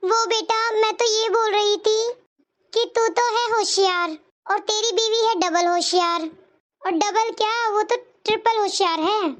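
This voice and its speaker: A scheming old mother-in-law from a cartoon story, voiced by a woman, sweet-talking with a sugary, wheedling manner. The voice sits very high. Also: fairly even intonation, a little slow, fairly bright tone. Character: scheming elderly mother-in-law who plays favourites.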